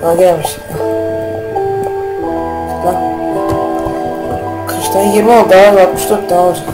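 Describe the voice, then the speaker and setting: A man's voice: high-pitched, fairly even intonation, unhurried, low-quality recording. Rambling, easily irritated young man gaming. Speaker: gaming YouTuber. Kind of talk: casual let's-play commentary. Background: faint game music.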